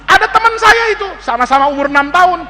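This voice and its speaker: A man's voice: extremely high pitch, lively intonation, fast, pushed and bright, in a large hall. A man with an Indonesian accent giving a playful religious lesson to students, joking and mimicking dialects as he spells out words. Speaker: Islamic teacher.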